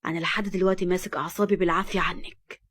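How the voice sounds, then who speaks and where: A woman with an Egyptian accent voicing a cold, domineering rich man who speaks curtly and low. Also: fairly even intonation, rapid-fire, lightly acted. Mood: cold, commanding. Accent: Egyptian Arabic. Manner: curt, low and menacing.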